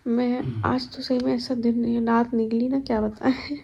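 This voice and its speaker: A woman's voice: fairly high pitch, little pitch movement, unhurried, vocal fry, mellow, husky, highs cut off. A young woman chatting to her viewers at home in a casual vlog, telling stories about her day. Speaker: vlogger. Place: at home, kitchen.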